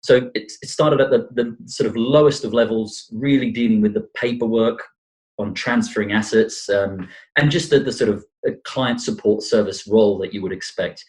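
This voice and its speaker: A middle-aged man from Brazil answers interview questions in a relaxed, self-deprecating way. He wanders through his answers and often restarts his sentences. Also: on the low side, moderate pace, poor audio. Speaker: podcast guest, financial planner. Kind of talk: conversational interview.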